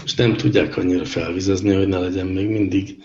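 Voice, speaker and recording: A man with a lowish voice, weighing his words in casual tech banter and pausing on hesitant fillers. The recording is dull and lo-fi, with a faint hiss of noise behind him. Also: fairly even intonation, mellow. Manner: measured, deliberate, hesitant fillers. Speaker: podcast co-host.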